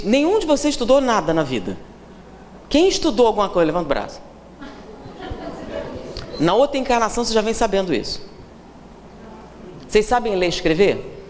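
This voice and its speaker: A woman's voice: mid-range voice, darkish tone. A Brazilian woman with a Brazilian Portuguese accent, giving a seminar lecture, teasing the audience with questions and acting out the people she quotes. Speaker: seminar speaker. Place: lecture hall. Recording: reverberant hall, faint room noise.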